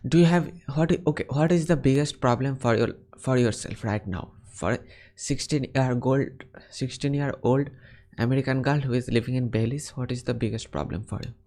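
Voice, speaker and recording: Speaking at a normal speed in a mid-range, slightly mellow voice, this man is a Bengali-speaking teacher and host from India. He has an Indian English accent and keeps restarting phrases while casually chatting in English on a call.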